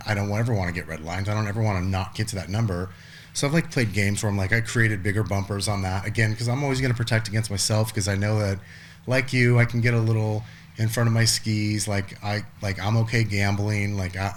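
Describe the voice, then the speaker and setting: A man's voice: fairly low pitch, steady tone, a little fast, slight background noise. A man in his forties, a podcast guest, talking casually in a rambling way with lots of restarts and the odd swear word. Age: 40s. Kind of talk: casual conversation.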